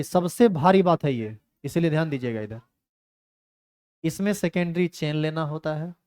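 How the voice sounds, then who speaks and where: A man's voice: on the high side, darkish tone. Teasing male chemistry teacher. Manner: scolding, teasing students in a rustic Hindi dialect. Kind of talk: classroom lecture. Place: classroom.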